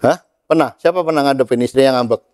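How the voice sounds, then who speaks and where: A man's voice: mid-range voice, quick pace, a little mellow, no room sound, studio quality. A man preaching a sermon as pastor, with playful asides to the congregation, acting out God's words in a raised voice.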